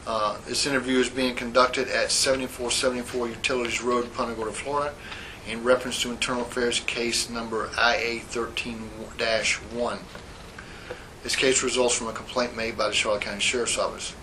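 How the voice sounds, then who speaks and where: In an interview room, a medium-pitched internal affairs sergeant questions a witness with little pitch movement, measured and procedural. He reads out formal sworn statements, and the recording is an old interrogation tape with faint hiss.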